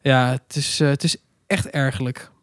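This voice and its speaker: A man's voice: medium pitch, steady tone, normal speed, fairly bright tone, no echo, studio quality. A young man chatting casually as a podcast co-host, rambling with lots of restarts. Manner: rambling, restarts often, blunt. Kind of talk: casual chat.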